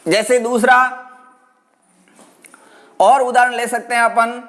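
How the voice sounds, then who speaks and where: A man with a strikingly high voice teaches pronunciation in a patient, explanatory way. He sounds out example words slowly to demonstrate each rule. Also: little pitch movement, a bit bright. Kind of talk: spoken lesson on pronunciation.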